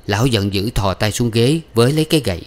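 A man narrating a novel as an audiobook reader, in a steady, even storytelling manner. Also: on the low side, quick pace.

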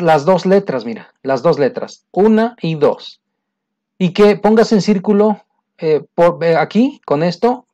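A man's voice: a little high, warm tone. A man teaching English in a recorded lesson, going over exercise answers and patiently explaining by repeating words and speaking straight to the learner.

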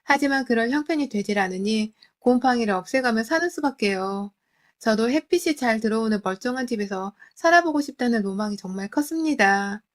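A woman tells a scripted first-person family story in an emotional, confiding manner. Her voice sits a little high for a woman. The delivery stays close and storyteller-like. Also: lively intonation, a little fast. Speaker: story narrator. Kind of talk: scripted dramatic storytelling narration.

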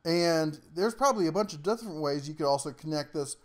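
A man's voice: fairly high pitch, expressive, fast. A man hosting a tool review channel, talking through products in a folksy, rambling way with frequent chuckles and workshop slang. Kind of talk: casual product rundown.

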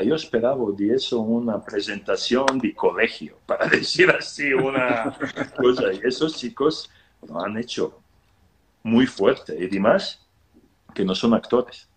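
Lively low-voiced man telling a story. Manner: animated, quotes people in lively voices, laughs often. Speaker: interview guest, pilgrimage organizer. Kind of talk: casual storytelling over video call. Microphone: phone or laptop on a video call.

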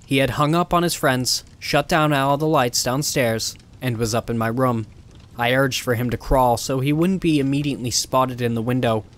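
A man narrates a first-person horror tale in a steady, measured voice. His pitch sits in an ordinary middle range for a man.

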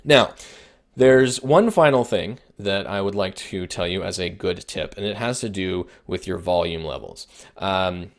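A man with a somewhat low voice walks through recording tips as an instructor. He talks casually, with fillers and restarts as he explains. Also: measured pace. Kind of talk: video production lesson.

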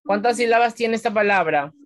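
A woman with a fairly high voice teaches a class of young children, patiently laying out the rules one step at a time. She quizzes her pupils as a primary school teacher, drawing her words out slowly.

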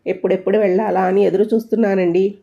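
A woman's voice: mid-range voice, little pitch movement, fast, mellow, natural voice. A woman voicing an innocent-seeming young bride who is coy and sly, speaking with sweet feigned innocence. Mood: pleading. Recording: dull lo-fi audio.

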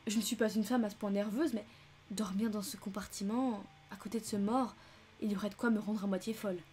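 A woman's voice: medium pitch, steady tone, brisk, a little mellow, soft background music, close to an everyday voice. A woman voicing a fussy, anxious older American lady who complains shrilly and breathlessly, in an audiobook reading. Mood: chattering.

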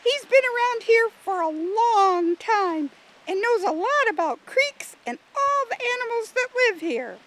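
Wanda, a squeaky little water beetle. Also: female voice, big pitch swings, a little slow, a bit bright, a little hiss or hum, exaggerated voice. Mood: excited. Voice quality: high and squeaky. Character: tiny cheerful female water beetle.

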